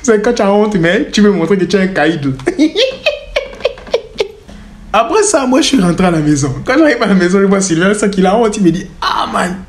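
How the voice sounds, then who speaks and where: A young man telling a funny personal story in a casual vlog, animated and laughing often. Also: high-pitched, fairly quick, a little hiss or hum.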